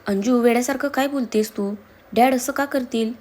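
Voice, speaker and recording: A woman's voice: a little high, normal speed, a little mellow, close to an everyday voice. A woman reading the part of a confused, emotional young woman defending her father in a storybook reading. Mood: pleading.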